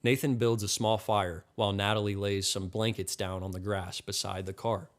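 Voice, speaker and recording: A man reading a crude comedy story as scripted narration, deadpan. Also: on the low side, moderate pace.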